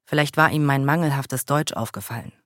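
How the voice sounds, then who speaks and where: A man reading a first-person memoir aloud in a calm, measured way. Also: medium pitch, no echo, studio quality.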